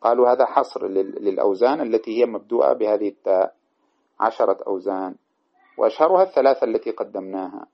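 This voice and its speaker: A man teaching a classical grammar lesson, reciting verse lines and repeating examples slowly to his students. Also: on the low side, expressive. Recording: dull lo-fi recording.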